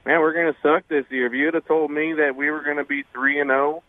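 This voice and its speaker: A man calling into a radio show over the phone, talking haltingly with many uh and you know fillers. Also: a little high, level tone, no echo. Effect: phone-line caller on a radio show. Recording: tinny phone line, dry.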